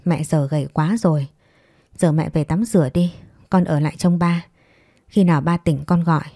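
A woman's voice: low-pitched, steady tone, moderate pace, dark tone, no room sound, clean studio sound. A woman voicing a resolute young mother in a read-aloud story, firm and earnest.

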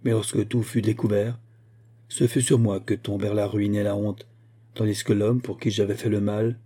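A man's voice: fairly low pitch, little pitch movement, moderate pace, dark tone, close to an everyday voice. A male audiobook reader voicing a weary aging father who speaks in a somber, brooding way. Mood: confiding.

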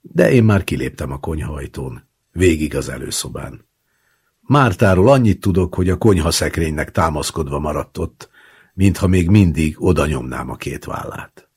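A man reading a literary short story aloud in the first person, acting out the dialogue in a lively way. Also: a bass voice, slightly rough. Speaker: audiobook narrator.

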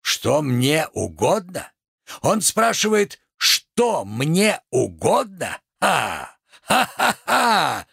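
A man plays a pompous, wrathful provincial tragedian who rants in grand, drawn-out phrases, his pitch leaping wildly. The voice is gravelly and husky, recorded dry and close. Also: sing-song, a bit bright, no room sound, full character voice. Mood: grandiloquent. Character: pompous ranting provincial tragic actor, man. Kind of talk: reading a stage play aloud.

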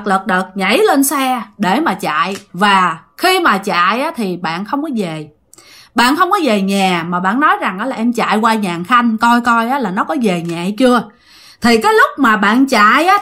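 Animated Southern Vietnamese woman storyteller. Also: on the high side. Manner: animated, addresses listeners directly. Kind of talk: telling a listener's ghost story.

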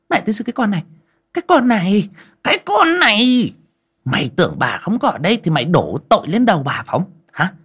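A narrator voicing a cruel mistress of the house who scolds in a sour, shrill voice. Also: fairly bright tone, slightly rough, full character voice.

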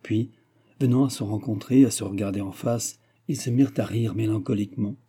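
Man, audiobook narration, measured reading, very dark tone, husky. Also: fairly low pitch. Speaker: audiobook reader. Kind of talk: scripted narration.

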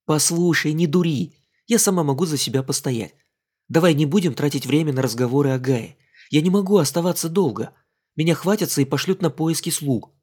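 A man's voice: fairly high pitch, fairly quick, darkish tone, slightly rough. A man reading an audiobook voices a playful, mocking young English woman in a raised voice. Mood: teasing.

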